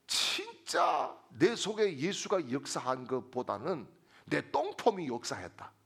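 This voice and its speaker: A middle-aged pastor delivers a sermon with a husky, gravelly voice. His pitch swings widely, climbing into shouted refrains. Between them he tells humorous stories and acts out the characters. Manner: preaching with rising shouted refrains.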